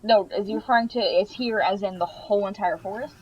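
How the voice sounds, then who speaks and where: A woman's voice: mid-range voice, quick pace, breathy edge. A woman player in a casual tabletop game, asking matter-of-fact questions. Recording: dull lo-fi audio with faint noise.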